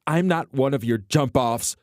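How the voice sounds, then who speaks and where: Man doing a furious young woman, high raised voice, shouting, voice cracking, audiobook. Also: expressive, moderate pace, dry recording, studio quality, natural voice. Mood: hurt.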